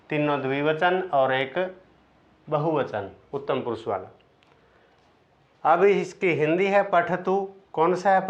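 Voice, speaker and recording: A man teaching Sanskrit grammar, patiently chanting verb forms in slow drills and explaining each step. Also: on the high side. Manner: patient, explains step by step and asks questions back. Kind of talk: slow classroom-style grammar lesson. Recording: dull lo-fi sound.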